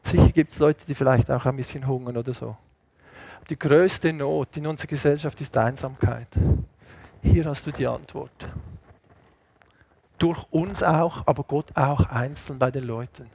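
A middle-aged man preaching an animated sermon full of stories, jumping between loud outbursts and hushed asides. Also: medium pitch, unhurried, creaky, husky. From Switzerland. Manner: animated, switches between shouting and hushed quoted voices. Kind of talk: lively sermon with anecdotes.

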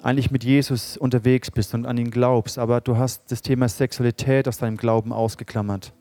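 A middle-aged male pastor preaching with repeated rhetorical questions, then leading a hushed prayer. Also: mid-range voice, level tone, brisk, no room sound. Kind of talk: sermon and led prayer. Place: church service with live music. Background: soft instrumental music.

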